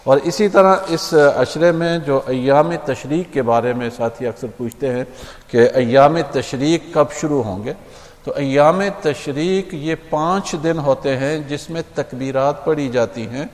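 A man speaking as an imam, explaining religious practice to a congregation in a steady, explanatory way with small hesitations. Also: a little high. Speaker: imam giving a mosque talk. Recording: long hall reverb.

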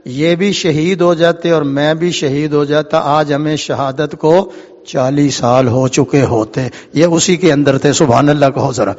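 A man's voice: fairly high pitch, fairly even intonation, darkish tone. A man preaching in a mosque, fervent, moving between chanted verse and speech and urging the listeners to call back. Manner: fervent, urges the audience to call out responses. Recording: dull, reverberant hall recording.

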